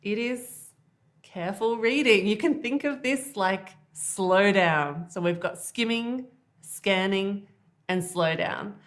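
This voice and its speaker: Woman, exam-prep teacher, clear and patient, step-by-step explanations, mid-range pitch. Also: slow pace. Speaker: IELTS teacher. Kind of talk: online exam-prep lesson.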